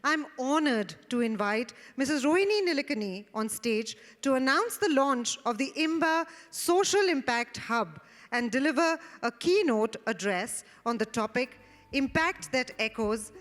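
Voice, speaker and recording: A woman's voice: fairly high pitch, expressive, measured pace, fairly bright tone. A woman reads a formal, ceremonial stage introduction as an event host. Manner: ceremonial, announcing. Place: large hall stage. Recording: echoing hall sound with music.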